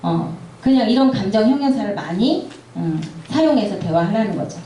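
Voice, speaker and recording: A middle-aged woman with a medium-pitched, very animated voice gives a church seminar for parents at a moderate pace. She tells warm stories and acts out quoted dialogue. The recording is echoey and distant, from a church hall with slight background noise.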